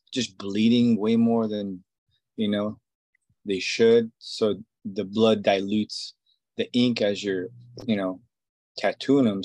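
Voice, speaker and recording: A man's voice: fairly low pitch, a little mellow, no echo. A man in his forties from Israel, a tattoo artist, talking casually in an interview and rambling with many fillers and restarts. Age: 40s.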